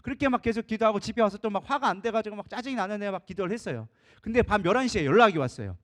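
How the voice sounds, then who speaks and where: Lively fast-talking male pastor. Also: high-pitched. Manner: animated, acts out quoted dialogue. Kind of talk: storytelling sermon. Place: church service.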